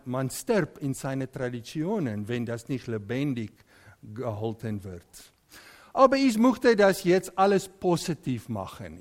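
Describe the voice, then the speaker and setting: This sermon is delivered in German by a man whose first language is Afrikaans, audible in his accent, with frequent pauses as he searches for words. His voice sits on the high side and has a darkish tone.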